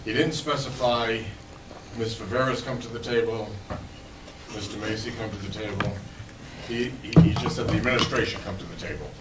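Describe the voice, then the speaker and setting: A man speaking as a city councilor in formal procedural debate, persistent and deliberate, sometimes off-mic in a chamber. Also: fairly low pitch, steady tone, heavy background noise.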